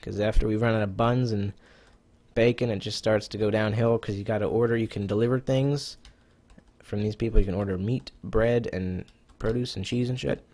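Slightly out of breath, this YouTuber keeps up a chatty running commentary on a browser cooking game, talking to himself and dropping the odd swear word. His voice sits fairly low with a steady tone and a touch of mellowness, at a moderate pace. Recording quality is low.

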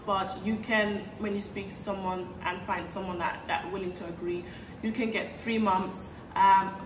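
A young woman from Ghana giving casual advice in a vlog, chatty, with frequent "um" fillers, filmed on a sofa in a bright living room by a camera set back from her. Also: mid-range voice. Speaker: vlogger. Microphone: fixed camera at a distance. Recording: roomy, distant mic with background hiss.

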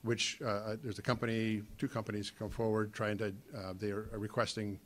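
Middle-aged male panelist, lowish pitch, podium mic, filler-heavy delivery. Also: little pitch movement, a little hiss or hum. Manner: halting, many fillers and restarts. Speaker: trade association panelist. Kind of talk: conference panel talk. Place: meeting room, indoors.

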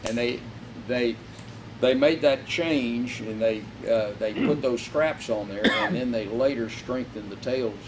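A man's voice: mid-range voice, unhurried. A man who restored and flies a warplane, talking casually, swearing freely and rambling with fillers, recorded in a hangar. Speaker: warbird restorer and pilot. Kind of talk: casual conversation. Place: aircraft hangar. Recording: distant mic with background noise.

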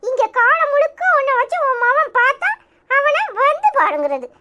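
A woman's voice: very high voice, sing-song, moderate pace, very noisy. A woman voicing a sarcastic, nagging young grandson with a Tirunelveli Tamil accent in a cartoon. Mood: scolding. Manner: nagging, mocking questions. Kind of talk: cartoon voice acting.

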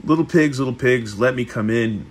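A man's voice: medium pitch, moderate pace, natural voice. Storybook wolf villain, read aloud by a man, male, emphatic, chanting delivery. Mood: demanding.

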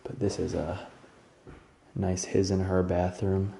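A man with a deep, mellow voice talks his way through an empty house in a relaxed, musing walkthrough. The camera mic picks him up with a faint hiss behind him. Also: slow, gravelly. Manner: relaxed, musing, low-key asides. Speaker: urban explorer filming a tour. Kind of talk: casual walkthrough narration. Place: indoors in a large empty house.

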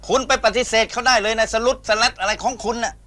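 A man's voice: very high-pitched, steady tone, quick pace, pushed and bright. An actor playing a blunt, teasing middle-aged husband and father in a TV drama. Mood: dismissive. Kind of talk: Thai TV soap acting. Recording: music score underneath.

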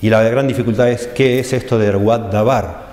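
Preacher in an echoey church hall. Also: male voice, on the low side, steady tone, darkish tone. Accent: Rioplatense Spanish. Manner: explanatory, reads texts aloud slowly and stresses phrases. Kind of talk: church teaching sermon.

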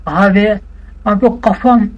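A man's voice: high-pitched, steady tone, dull audio, voice pushed up. A man voicing a dim-witted young male gang sidekick who whines and draws out his complaints in a raised, plaintive voice. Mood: whiny. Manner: whining, drawn-out complaints.

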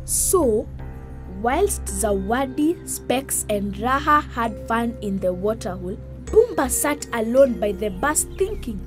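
A woman narrating a children's cartoon story with expressive, suspense-building delivery. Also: on the high side, slow pace, over music.

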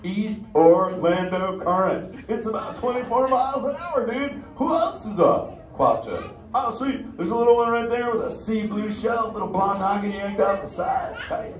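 At a moderate pace, barely pausing, a high-pitched, animated man voices the surfer-dude sea turtle character in a live interactive theme park show. The mood is stoked, the slang easygoing, and the sound is distant and echoey with crowd noise in an indoor theater.

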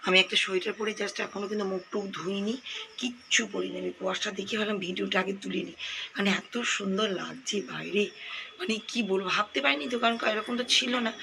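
A woman vlogging casually on her phone outdoors, her voice a little hoarse, chatting to viewers and pointing things out. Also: medium pitch, fast talker. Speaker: lifestyle vlogger. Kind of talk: casual vlog to camera. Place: outdoors on a foggy rooftop and yard. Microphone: handheld phone camera. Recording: phone audio with outdoor noise.

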